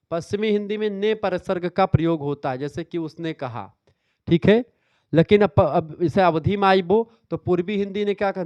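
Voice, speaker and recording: A man's voice: on the high side, darkish tone, clear, resonant tone, dry recording, dull audio. A male teacher giving an exam revision lecture, explaining step by step and checking in with "theek hai". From northern India. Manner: explanatory, repeats "ठीक है" often.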